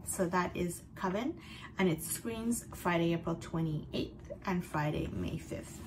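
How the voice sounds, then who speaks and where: A woman with a fairly low voice that often drops into a gravelly fry. She presents recommendations as a host, half-scripted and conversational, explaining in measured phrases. A light ambient noise sits behind her. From outside North America. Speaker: festival picks host.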